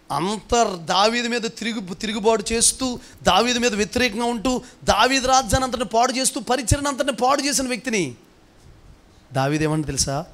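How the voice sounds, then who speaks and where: High-voiced pastor preaching with emphasis. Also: male voice, a bit bright. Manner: emphatic, fires rhetorical questions, calls the congregation to respond. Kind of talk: sermon.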